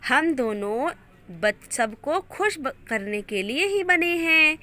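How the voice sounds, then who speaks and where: A bright, high little storybook fish, as a woman puts her on, chirpy and coaxing, with a cheerful lilt. She speaks slowly and sweetly, like she is cheering up a friend. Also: heavily acted. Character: cheerful spotted female fish, kind.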